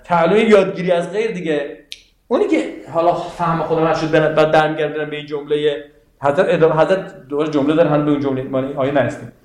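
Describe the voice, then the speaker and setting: A man's voice: fairly high pitch, steady tone, a little mellow. A man teaching religious texts in an informal classroom lecture, talking conversationally and often checking that his listeners follow. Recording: echoey room.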